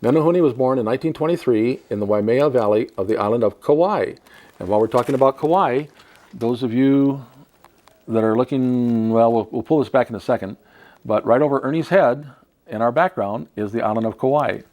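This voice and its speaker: A man's voice: mid-range voice, a little fast, a little mellow. A man hosting a talk show, reading a profile aloud and adding chatty asides with frequent laughs. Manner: chatty, laughs between lines.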